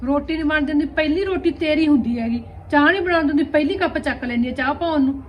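A woman's voice: sits high, dull audio, a little hiss or hum, natural voice. Woman playing a fed-up overworked elder daughter-in-law. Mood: indignant. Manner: rapid, scolding, indignant complaints. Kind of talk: amateur village family skit. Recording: roomy echo, distant from the mic.

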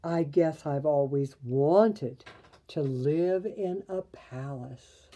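A woman's voice: deep voice, very slow, dark tone, full character voice. An older woman voicing a small toy bear from a storybook, earnest and full of wistful wonder.

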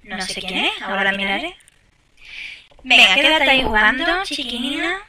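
A woman's voice: fairly high pitch, lively intonation, normal speed, bright, forceful tone, far from the mic, slight background noise. A woman giving casual gameplay commentary, chatting to viewers with exasperated asides. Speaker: gameplay streamer.

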